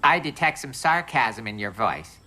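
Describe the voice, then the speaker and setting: Snarky puppet doll, bright sharp voice, gleeful. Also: female voice, extremely low pitch, very animated, moderate pace, slight background noise, exaggerated voice. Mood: snide. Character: female comfort-doll puppet, snide, a gossip-hungry amateur journalist. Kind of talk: sitcom puppet acting.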